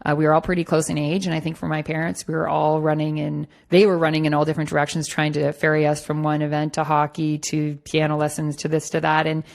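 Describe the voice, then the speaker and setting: A woman's voice: sits low, completely flat delivery, quick pace, vocal fry, few pauses. A middle-aged woman from Toronto, a magazine editor talking as a podcast guest in a loose, conversational way with fillers and restarts. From Toronto, Canada. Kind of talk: relaxed interview answers.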